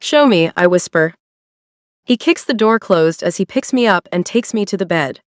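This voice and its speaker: A woman's voice: on the low side, moderate pace, no echo, studio quality. Woman narrating a romance audiobook. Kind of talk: first-person romance narration.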